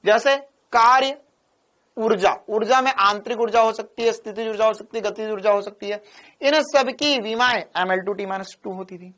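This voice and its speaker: A man's voice: sits high, normal speed, fairly bright tone. Playful male physics teacher, rhythmic repeats. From India. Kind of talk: classroom-style lecture.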